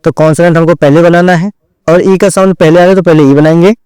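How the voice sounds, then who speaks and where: A man's voice: fairly high pitch, steady tone, quick pace, darkish tone, clean tone, dry recording, low-quality recording. A man teaching an online shorthand lesson, explaining each step and repeating "theek hai" after every point as he addresses his students directly. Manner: drills points over and over.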